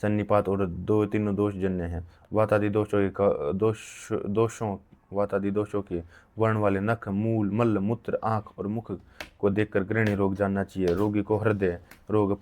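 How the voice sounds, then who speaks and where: A man reading an old medical text aloud in a slow recitation, with frequent halts and restarts. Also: fairly low pitch, flat delivery, darkish tone. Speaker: reader of an ancient medical text.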